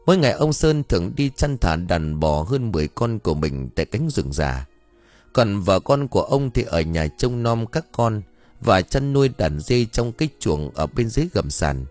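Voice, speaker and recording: Expressive male audiobook narrator. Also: fairly low pitch, normal speed. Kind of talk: storytelling narration. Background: faint background music.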